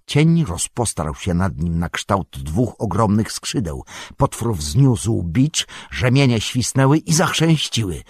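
Male audiobook narrator, deep and husky, measured and dramatic, dry close sound. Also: dry recording. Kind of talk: audiobook reading.

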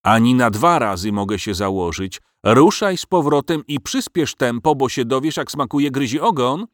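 A man's voice: mid-range voice, expressive, normal speed, no room sound, studio quality, voice pushed up, close to an everyday voice. A man reading a storybook and voicing a shrewd, bossy old farmer who drives a hard bargain. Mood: commanding.

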